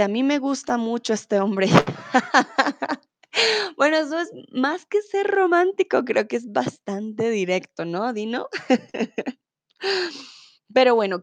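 A young adult woman teaching a live online Spanish lesson, reading out chat comments, explaining words slowly and clearly and laughing easily. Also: a little high, no room sound.

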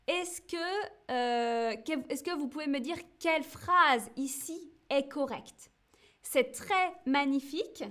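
A woman teaching French on a live stream, speaking slowly and clearly, checking in often and reading viewers' chat messages aloud. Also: high-pitched. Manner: slow, clear, patient teaching with frequent checks. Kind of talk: live-streamed language lesson.

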